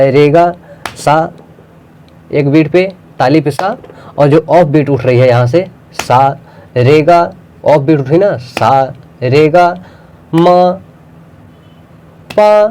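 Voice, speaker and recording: Mellow-voiced man teaching music notation. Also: mid-range voice. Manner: explains step by step, sings sargam notes to show beats. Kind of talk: music theory lesson with sung notes.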